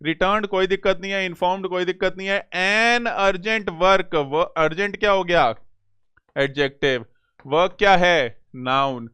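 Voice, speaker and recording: A male teacher running a grammar lesson, reading English sentences slowly and then explaining in quick talk, asking his students questions. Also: sits high, fairly bright tone, clear, resonant tone, no echo, highs cut off. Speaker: competitive exam English teacher.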